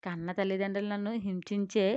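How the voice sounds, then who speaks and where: A woman's voice: mid-range voice, little pitch movement, fast talker, dark tone, clean tone, dry recording, close to an everyday voice. A woman voicing a bitter, reproachful old grandmother in a storybook reading. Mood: angry. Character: angry grieving old grandmother. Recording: slightly dull lo-fi sound.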